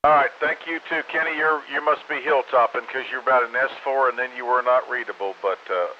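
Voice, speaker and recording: A man's voice: mid-range voice, steady tone, fairly quick. A man's mid-range voice comes over a crackly, walkie-talkie style radio link with a faint hiss. He runs the net casually, in a folksy, rambling manner. The audio is dull and lo-fi. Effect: crackly walkie-talkie style radio transmission. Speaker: amateur radio net controller.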